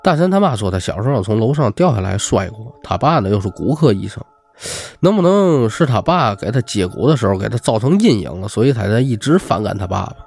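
A man, telling a spooky true story in a chatty, animated way and acting out the quotes. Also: lowish voice, fairly quick, gravelly, husky, faint music behind. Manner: lively, chatty, acts out quotes. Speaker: storyteller host. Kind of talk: casual ghost-story narration.

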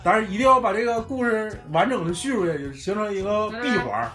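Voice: mid-range voice, lively intonation, fairly quick, music in the background. A podcast host with a Northeastern Chinese accent, explaining dialect slang in casual, joking chat. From Northeast China.

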